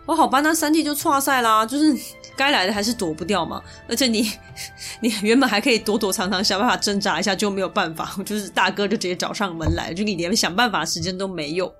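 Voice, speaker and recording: A woman's voice: mid-range voice, fast. A woman with a Taiwanese Mandarin accent hosting a podcast, retelling myths in a chatty, playful way. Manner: chatty, playful, lively asides. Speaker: podcast host. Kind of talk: casual storytelling podcast. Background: faint background music.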